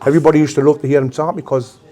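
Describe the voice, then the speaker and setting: An older man from Newcastle with a Geordie accent, reminiscing in an interview in a halting, repetitive way. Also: a little high, flat delivery, dark tone. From Newcastle, England. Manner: halting, repeats phrases. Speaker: former gang member being interviewed.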